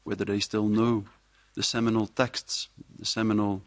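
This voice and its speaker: A man speaking as a professor, giving a measured, reflective talk to a live audience. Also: lowish voice, little pitch movement, no echo. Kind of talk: public speech at a presentation. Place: live event before an audience.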